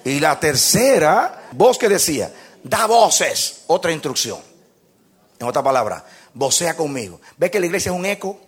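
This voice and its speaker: A man preaching a sermon, loud and impassioned, leading his congregation in call-and-response. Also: a little high, very animated, normal speed, slightly rough. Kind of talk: fervent sermon.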